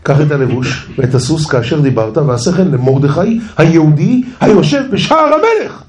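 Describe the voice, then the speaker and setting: A man voicing a short-tempered, impatient male king in a comic retelling, giving orders in a low voice. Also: big pitch swings, a little mellow, slight background noise. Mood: commanding.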